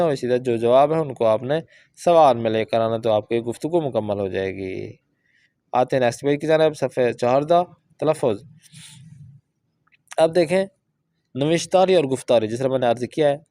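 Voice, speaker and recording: A man teaching a Persian course, explaining exercises and reading example sentences out slowly and carefully. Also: medium pitch, mellow, dry recording, studio quality. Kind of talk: language lesson explaining book exercises.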